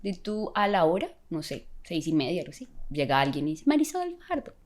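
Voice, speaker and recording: Young woman, lowish voice, casual and animated storyteller who acts out the other voices. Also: fairly quick, crowd noise. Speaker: podcast guest sharing a testimony.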